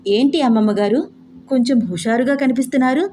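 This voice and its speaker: A woman's voice: a little high, fast talker, warm tone, a little hiss or hum, close to an everyday voice. Woman doing a playful clever young woman.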